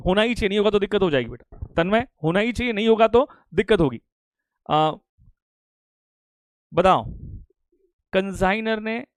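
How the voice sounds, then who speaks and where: High-voiced Indian teacher drilling students. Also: male voice, no echo. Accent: Indian English. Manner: drilling repetition, urging quick answers. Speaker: accounting teacher. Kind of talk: live online lecture.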